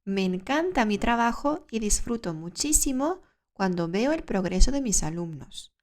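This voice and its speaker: Clear-spoken woman teaching Spanish. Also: mid-range voice, big pitch swings, a little mellow. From Spain. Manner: clear, measured explaining, asks the listener questions. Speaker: Spanish teacher and podcast host. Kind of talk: scripted podcast lesson for learners.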